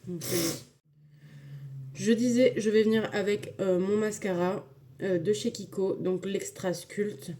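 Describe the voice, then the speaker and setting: A woman's voice: medium pitch, steady tone, unhurried, pauses often, dark tone, slight background noise. A woman casually talking viewers through a makeup tutorial, chatty and enthusiastic, with frequent hesitations. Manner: chatty, filler-heavy, enthusiastic about products.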